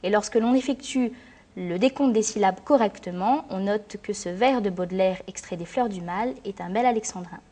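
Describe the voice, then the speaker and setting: A woman teacher narrating a scripted lesson in a clear, measured, explanatory way. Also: medium pitch, dark tone. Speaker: French teacher.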